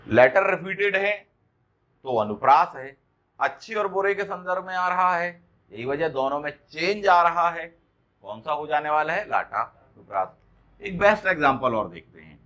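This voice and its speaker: A man delivers an exam-prep lecture in a fairly high, bright voice. He explains patiently, often checks that students follow, and draws out example lines slowly. The recording is dull and lo-fi. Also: expressive. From India. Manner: explanatory, checks understanding with questions. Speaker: teacher.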